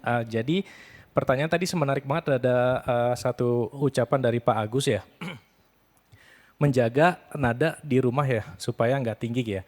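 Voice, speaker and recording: Male audience member, mid-pitched voice, polite and tentative questioner. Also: normal speed, darkish tone. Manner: polite, tentative, adds tag "ya".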